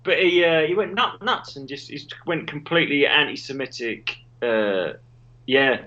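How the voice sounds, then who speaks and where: A man co-hosting a casual comedy chat over a call, excitable and sweary, with a voice that leaps up and down. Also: medium pitch, moderate pace, highs cut off. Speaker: podcast co-host. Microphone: remote call.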